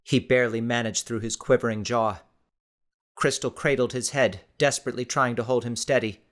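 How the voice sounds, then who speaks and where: Man narrating a tense audiobook. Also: mid-range voice. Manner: steady, measured storytelling. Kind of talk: scripted narration.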